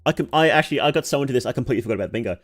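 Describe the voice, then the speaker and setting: A man on a casual livestream reads on-screen text aloud in rapid-fire fashion, musing and reacting as he goes. His voice is mid-range with lively intonation.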